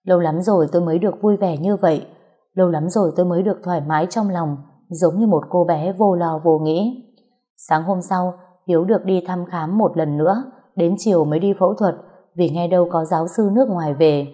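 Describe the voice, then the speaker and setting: A woman reads a first-person story aloud in a soft, steady voice. Her voice sits low with a warm, mellow tone. It is scripted storytelling narration. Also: a little fast, breathy edge.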